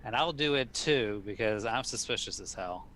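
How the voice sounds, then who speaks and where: A man's voice: on the low side, lively intonation, normal speed. Dnd player guy, wry and suspicious, lots of noise in the background. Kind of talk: casual tabletop game play.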